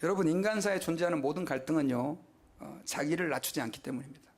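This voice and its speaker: A man's voice: a little high, quick pace. A middle-aged male pastor preaching a sermon in a conversational way, asking the congregation questions and acting out quotes.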